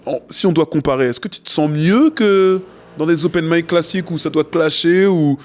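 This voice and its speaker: A man's voice: a little high, moderate pace, darkish tone. A man hosting a podcast interview who keeps the talk going with short replies and joking follow-up questions. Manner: short encouraging back-channel replies, jokey follow-up questions. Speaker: podcast host. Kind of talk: casual interview.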